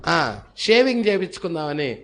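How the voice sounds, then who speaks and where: A fiery male preacher with a high, gravelly voice and a bright edge. He drives his sermon with sudden shouts and cries of hallelujah. When he tells a story, he acts out its characters. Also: very animated, moderate pace. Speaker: pastor.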